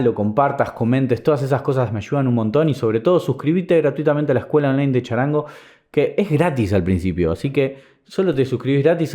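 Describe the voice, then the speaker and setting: A man's voice: medium pitch, warm tone. Man teaching charango. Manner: counts beats aloud and sings syllables while explaining. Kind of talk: step-by-step music lesson. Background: plucked charango.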